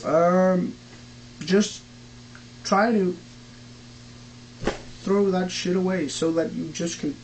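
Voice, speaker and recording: Young guy, not a native english speaker, explaining vocal stuff slowly, lots of uhs, faint hum behind him. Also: high voice, steady tone, rough recording. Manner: halting, many fillers and restarts, non-native phrasing. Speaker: vocal technique teacher. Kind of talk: casual home tutorial.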